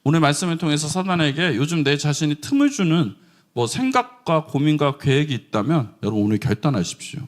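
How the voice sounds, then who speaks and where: Animated preaching man, lively pitch. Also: fairly quick. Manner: animated, acts out quoted voices and shouts. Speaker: pastor. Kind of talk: sermon. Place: church sanctuary.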